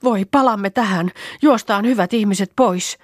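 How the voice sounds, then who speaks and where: A woman's voice: fairly low pitch, animated, no room sound, clean studio sound. Woman reading Kerttu, an anxious peasant girl. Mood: panicked. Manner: anxious, quick to alarm.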